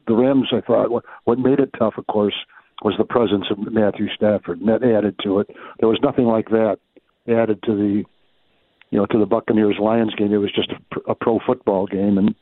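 Fairly low-voiced guy calling into a football podcast, thin phone-line sound, calm and measured. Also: no room sound. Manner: measured, hedges with "I think". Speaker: podcast co-host, sportswriter. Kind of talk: casual sports talk.

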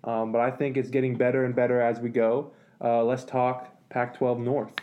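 A man's voice: mid-range voice, moderate pace, narrow, tinny audio. Casual man talking college football. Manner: relaxed, analytical, many fillers and restarts. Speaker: sports podcast co-host. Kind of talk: casual sports talk.

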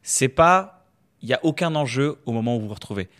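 Man, French accent, middle pitch, relaxed, casual podcast guest. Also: a little fast. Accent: French (France). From France. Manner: relaxed, laughs easily. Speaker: comedian guest. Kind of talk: casual conversation.

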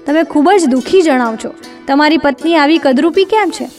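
A woman reading the lines of a kind village temple priest, gentle and reassuring. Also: high-pitched, lively intonation, normal speed. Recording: distant mic, faint music.

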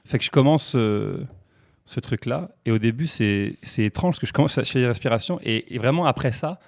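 Fast-talking man telling stories. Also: mid-range voice, creaky. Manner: fast, animated, jokey storytelling with repeated restarts. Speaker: podcast guest, comedian. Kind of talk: casual chat.

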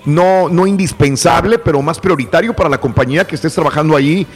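A man's voice: a little high, fast talker, breathy edge. A man hosting a casual call-in radio show, affable and agreeing. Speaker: radio host. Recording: radio studio with reverb and music under.

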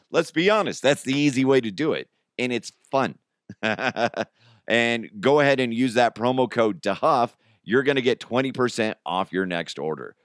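On this casual solo comedy podcast, the American host talks in a fairly low voice, keeping things slangy and conversational while laughing at his own lines. The recording is dry and studio quality.

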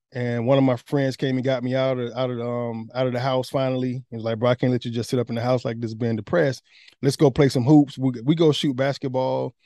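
A man telling a candid personal story in casual, animated conversation. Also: medium pitch, no room sound, studio quality. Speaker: guest.

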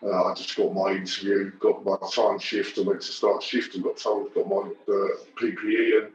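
A man speaking hesitantly through a deep disguised voice as an anonymous worker. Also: little pitch movement. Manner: hesitant, halting. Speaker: whistleblowing site worker. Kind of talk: anonymous interview clip. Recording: distant, dull, echoey.

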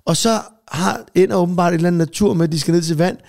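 A man's voice: high-pitched, creaky, darkish tone. A middle-aged man co-hosting a podcast, telling rambling anecdotes in casual chat with plenty of swearing. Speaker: podcast co-host.

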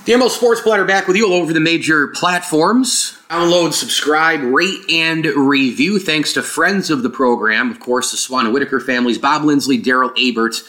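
A man's voice: on the high side, normal speed, few pauses, sharp tone, faint music behind. A man hosting a sports podcast, talking casually and emphatically, repeating himself for weight, with a hollow, echoey sound as from another room. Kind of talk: casual solo sports commentary. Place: a different room than usual, mid-move. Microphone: microphone on wrong setting.

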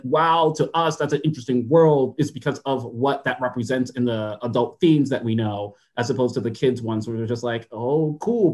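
A man's voice: mid-range voice, a little mellow. A man talking as a guest on a casual podcast, informal and teasing, explaining his thoughts in long winding sentences. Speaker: podcast guest, young adult show creator.

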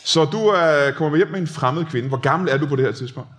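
A man's voice: fairly high pitch, a bit bright. A male host of a live comedy show, playing along and probing his guests with follow-up questions. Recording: clear background noise at live venue.

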